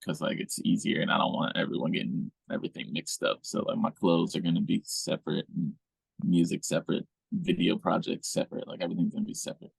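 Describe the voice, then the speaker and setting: A man's voice: deep voice, little pitch movement, fast, vocal fry, breathy edge, no room sound. A young man in his twenties, a musical guest talking in a laid-back way in a casual interview and laughing often.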